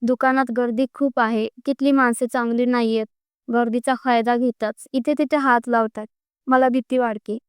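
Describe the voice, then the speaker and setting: A woman's voice: fairly high pitch, steady tone, moderate pace, clean tone, no echo, studio quality, natural voice. A woman voicing a shy, timid young woman who speaks hesitantly in a storybook reading. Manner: hesitant, fearful.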